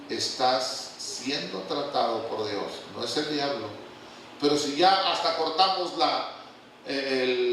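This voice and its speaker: An older man preaching a lively, humorous sermon as a guest pastor, often turning to the congregation with call-and-response questions. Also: a little high, slight background noise. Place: church hall. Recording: echoey hall recorded from a distance.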